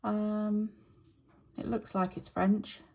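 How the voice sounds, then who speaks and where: A middle-aged woman with a slightly croaky voice, casually chatting with many fillers while she stitches. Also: mid-range voice, flat delivery, takes it slowly, darkish tone. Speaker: stitching vlogger.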